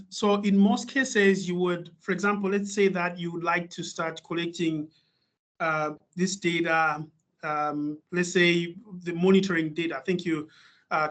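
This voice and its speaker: A man's voice: fairly high pitch, fairly bright tone. A man from Malawi presenting as a guest speaker in an online webinar, explaining things with many fillers and restarts over a video call.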